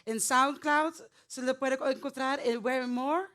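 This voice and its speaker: A woman hosting a poetry event, friendly and unhurried, with hesitant fillers as she speaks. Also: high-pitched, steady tone, a bit bright. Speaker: event host.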